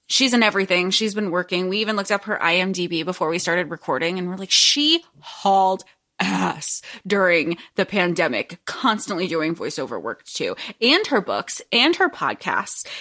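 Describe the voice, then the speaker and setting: A woman co-hosting a chatty podcast, her voice bright and forward as she jumps in with quick, excited asides. She is recording away from home, and the room around her gives every word a noticeable echo. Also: mid-range voice. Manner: enthusiastic, laughs often, quick asides. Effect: echoey room sound. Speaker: podcast co-host. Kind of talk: casual chat. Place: temporary room while traveling, sounds echoey.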